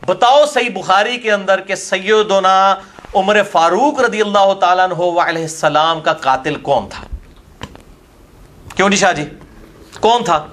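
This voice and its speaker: A man's voice: high-pitched, fairly bright tone. A man as an interview guest, arguing a religious point in a combative, scornful way with pointed rhetorical questions. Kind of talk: heated religious debate talk.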